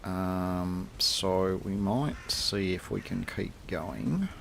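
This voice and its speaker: A low-voiced Australian man with a gravelly, creaky edge drawls his way through casual game commentary. He rambles and thinks aloud at an unhurried pace. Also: a bit bright, slight background noise. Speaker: game streamer.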